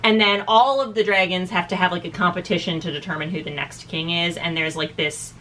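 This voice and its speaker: A woman's voice: on the low side, fairly even intonation, a little fast, fairly bright tone, distant mic, rough recording. A woman in her thirties chatting casually as co-host of a book review, in a rambling, giggly, slangy way. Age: 30s. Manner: rambling, giggly, slangy, loses train of thought. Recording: noticeable background noise.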